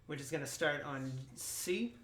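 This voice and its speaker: Relaxed man teaching guitar. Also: fairly high pitch, measured pace. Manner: relaxed, with frequent ums and restarts. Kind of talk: casual guitar lesson. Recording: roomy sound with loud guitar. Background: his own guitar playing.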